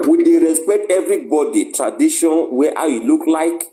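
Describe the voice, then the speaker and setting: A man's voice: fairly high pitch, a little fast, dark tone. A Nigerian man moderating an informal discussion in Pidgin, cutting in and repeating short phrases. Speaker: moderator of an online debate.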